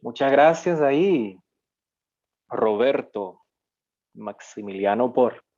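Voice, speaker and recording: A man from Paraguay teaching a live online language class. He talks slowly and patiently, explaining each point and stopping to correct himself. The recording sounds a bit dull and lo-fi. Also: mid-range voice, expressive, darkish tone. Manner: explanatory, with frequent fillers and self-corrections. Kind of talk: live online lesson, reading comments.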